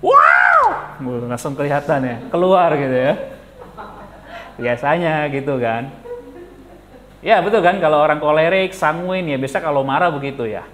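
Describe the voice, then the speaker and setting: A male pastor giving a lively sermon, animated and jokey, questioning the congregation. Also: fairly high pitch, fairly quick, slight background noise. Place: church.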